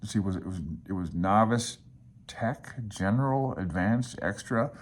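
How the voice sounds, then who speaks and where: Flipping through a handbook, an amateur radio hobbyist in his sixties thinks aloud in a laid-back, rambling, nostalgic way. He speaks at a normal speed in a fairly low voice.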